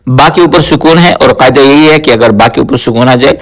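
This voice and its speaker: A man teaching tajweed word by word, slowly explaining rules and repeating each word several times in a chanted recitation. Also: mid-range voice. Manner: spoken explanation alternating with melodic chanted recitation. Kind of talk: word-by-word tajweed pronunciation lesson.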